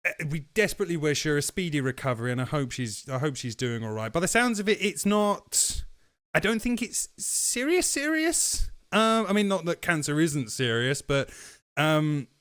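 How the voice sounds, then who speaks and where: A man's voice: fairly high pitch, sing-song, moderate pace, fairly bright tone, dry recording. Chatty man, dry close mic. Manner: chatty, rambling, laughs often. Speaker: podcast co-host. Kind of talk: casual chat.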